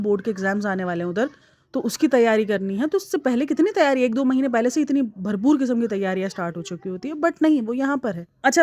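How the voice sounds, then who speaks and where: A woman's voice: fairly high pitch, no room sound. A young woman talking casually and with strong opinions as she comments on online vlogs. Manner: opinionated, chatty, animated. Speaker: vlog commentator.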